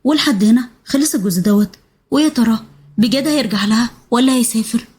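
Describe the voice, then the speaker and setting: A woman with an Egyptian accent narrating a dramatic serial story in a breathless, rushing manner. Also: fairly high pitch, darkish tone, slightly rough. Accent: Egyptian Arabic.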